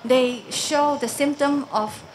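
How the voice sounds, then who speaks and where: A Singaporean woman in her forties speaks into a stand microphone at an outdoor rally, her voice sitting a little high. She talks with rising conviction and keeps putting pointed questions to her listeners. Faint open-air sound hangs behind her. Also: steady tone, takes it slowly, a little hiss or hum. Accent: Singaporean English. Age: 40s. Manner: impassioned, emphatic, with rising force and rhetorical questions. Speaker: protest speaker. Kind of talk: outdoor public speech. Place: outdoor park stage.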